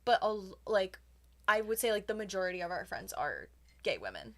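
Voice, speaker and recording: A young woman with a mid-pitched voice tells animated stories as a podcast co-host. She laughs often and keeps the chat loose and casual. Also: a little fast.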